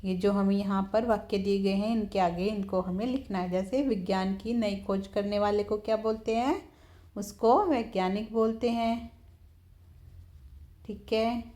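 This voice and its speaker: A woman teacher, patiently explaining a textbook lesson to young children, often slowing down to repeat words. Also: mid-range voice, dark tone. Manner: patient, repeats words slowly, keeps saying "theek hai".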